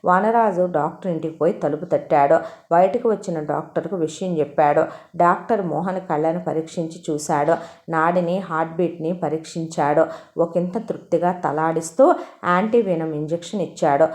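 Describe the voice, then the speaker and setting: A woman reading a story aloud in steady, expressive narration. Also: low voice, normal speed.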